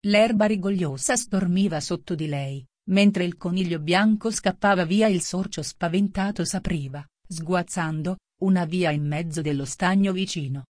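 A woman narrates a classic storybook in a measured, even way. Her voice sits on the low side, recorded close and dry. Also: dry recording. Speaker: audiobook narrator.

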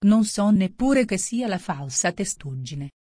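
A woman's voice: mid-range voice, big pitch swings, measured pace, dark tone, no room sound, studio quality. A woman voicing Alice, a polite and curious young girl, in an audiobook reading. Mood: earnest. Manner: polite, earnest.

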